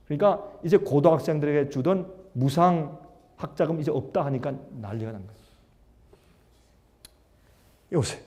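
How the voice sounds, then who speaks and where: A male pastor preaching a sermon, emphatic, firing rhetorical questions and swinging between loud and hushed. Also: on the high side, lively intonation, quick pace. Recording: long hall reverb.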